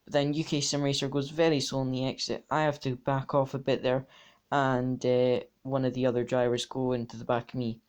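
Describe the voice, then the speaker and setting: Man, sim racing replay commentary, calm turn-by-turn voice-over, medium pitch. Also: fairly quick, clean tone. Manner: matter-of-fact, talks through laps turn by turn.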